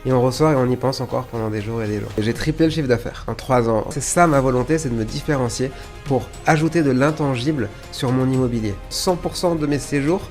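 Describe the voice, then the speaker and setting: Soft music plays in the background as a man with a fast, mid-range, darkish voice shares stories. He is a hotelier, born in Tunisia and raised in France, speaking emphatically and conversationally as a podcast guest.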